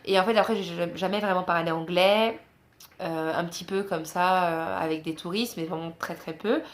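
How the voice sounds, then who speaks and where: A woman's voice: lowish voice, moderate pace. A young woman from France talking casually to camera in a travel vlog, chatty and encouraging, with many fillers, filmed on a phone indoors in a guest room. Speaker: travel vlogger.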